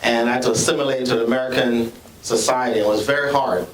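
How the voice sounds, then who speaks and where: Heard from far off in a big, echoey library, this school administrator has a steady, medium-pitched voice and a Jamaican accent, with a faint hiss underneath. His ceremony speech is earnest and measured, broken up by repeated restarts.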